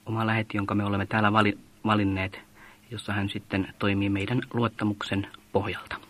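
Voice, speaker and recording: A man patiently explaining how donations are handled, in a measured way with frequent hesitation sounds. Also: lowish voice, level tone, a bit bright, slight background noise. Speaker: mission organization leader. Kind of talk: explaining in an interview.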